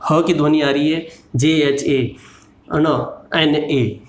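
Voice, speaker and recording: A man teaching with a slow, patient delivery, spelling letters out one at a time. His voice sits a little high, and the room around him echoes. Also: level tone, slight background noise. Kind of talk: slow explanatory lesson.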